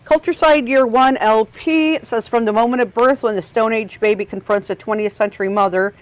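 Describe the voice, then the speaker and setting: An easygoing co-host of a record shop's morning show. They read sleeve notes and prices in a casual, unhurried voice at a middle pitch. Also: fairly even intonation, low-quality recording.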